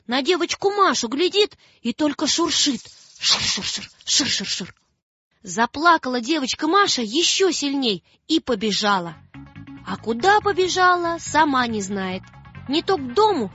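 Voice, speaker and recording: A woman narrating a children's story in a dramatic, expressive reading style. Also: high-pitched. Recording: dull lo-fi sound with faint music.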